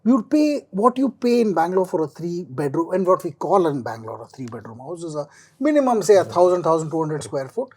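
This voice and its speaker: Man explaining, mellow dark voice. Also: on the high side, animated, brisk, breathy edge. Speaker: panel guest, finance commentator. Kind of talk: informal panel discussion.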